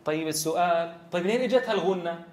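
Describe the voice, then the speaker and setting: A man's voice: sits high, rapid-fire, darkish tone, roomy sound. A man teaching Quran recitation, asking students questions and demonstrating sounds. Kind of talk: tajweed lesson.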